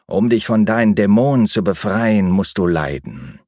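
A man reading an audiobook, voicing a calm, emotionless male captor who speaks in a flat, bureaucratic, unhurried way. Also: fairly low pitch, no room sound, studio quality. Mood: cold menace.

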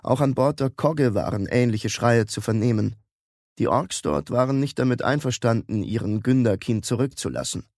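A man reading a fantasy story aloud as a narrator, acting out the characters' shouts and whispers. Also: mid-range voice, lively intonation, normal speed, no echo, studio quality. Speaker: audiobook narrator.

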